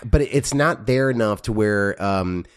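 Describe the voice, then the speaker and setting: A man's voice: fairly low pitch, measured pace, clean tone. A man co-hosting a casual movie podcast, thinking aloud in a hesitant way with many restarts. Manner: thoughtful, hesitant, restarts often. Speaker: podcast co-host, film reviewer. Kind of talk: casual chat.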